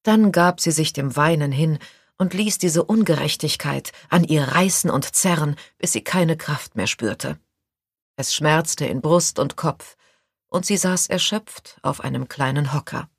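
Low-voiced woman reading a novel aloud. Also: measured pace, husky, no echo, studio quality. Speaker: audiobook narrator. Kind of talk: scripted narration.

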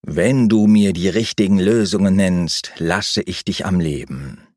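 A man doing a chillingly calm captor in an audiobook thriller, flat and bureaucratic, sitting low in his voice. He speaks slowly and without feeling, close and dry with no room sound. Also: no room sound. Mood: cold menace. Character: cold emotionless male captor, calm and menacing.

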